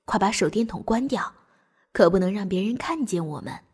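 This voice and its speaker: A woman's voice: mid-range voice, animated, moderate pace, husky. A woman voicing a cautious, anxious young boy in a bedtime story. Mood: worried. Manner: anxious, hushed.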